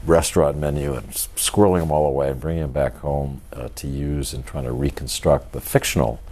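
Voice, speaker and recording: An older man speaking as an author in an interview, in a measured, halting, thoughtful and monotone way. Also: very deep voice. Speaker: author and journalist being interviewed. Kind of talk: reflective interview talk.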